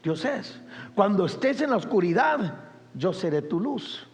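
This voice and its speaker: A man's voice: sits high, very animated, unhurried. A man preaching a sermon as pastor, building up through repeated refrains and asking the congregation to answer back. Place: church sanctuary. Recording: long reverb of a church hall.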